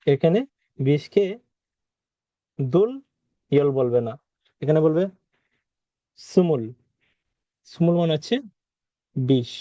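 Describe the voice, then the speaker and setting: Teaching vocabulary patiently, this Korean language teacher repeats words and asks the listener questions in a fairly high, mellow voice. He goes slowly with long pauses, and the lo-fi recording is dry and slightly dull with no echo.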